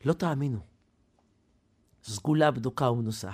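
A man preaching a sermon, telling a story dramatically, swinging from loud to hushed. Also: medium pitch, breathy edge.

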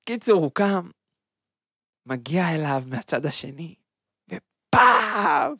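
Animated male radio storyteller. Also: a little high, gravelly, slightly rough, no room sound, clean studio sound. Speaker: radio host. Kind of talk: telling a funny story on radio.

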